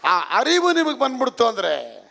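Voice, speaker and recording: Man, Kannada accent, preacher, charismatic sermon, high voice, gravelly. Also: huge pitch swings, normal speed. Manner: mixes Kannada with English phrases, acts out dialogues; rises to fervent loud preaching.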